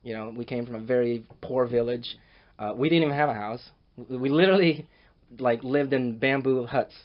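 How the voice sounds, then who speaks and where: This is a man from Cambodia in his forties, a filmmaker talking as a podcast guest. He rambles loosely, starting sentences over and repeating words as he goes. His voice sits at a middling pitch, and the podcast recording sounds somewhat dull and lo-fi. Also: moderate pace. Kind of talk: casual interview chat. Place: on a boat in a harbor.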